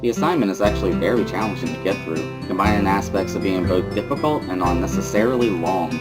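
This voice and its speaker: With a deep voice and a quick pace, a man narrates a visual novel in the first person, giving an understated, introspective dramatic reading. Guitar music plays in the background.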